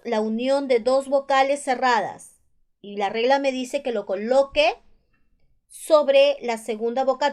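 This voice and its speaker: A woman's voice: fairly high pitch, a little mellow. A woman teacher with a Peruvian Spanish accent, patiently explaining spelling rules and repeating each one. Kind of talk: spelling lesson explained over slides.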